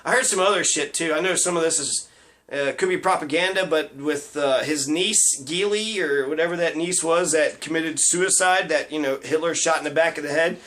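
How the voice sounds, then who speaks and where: A man with a noticeably high voice delivers a loose, profane rant. He rambles from point to point with a sarcastic edge and swears constantly. He laughs at his own jokes as he goes. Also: normal speed, a bit bright. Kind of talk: profane ranting monologue.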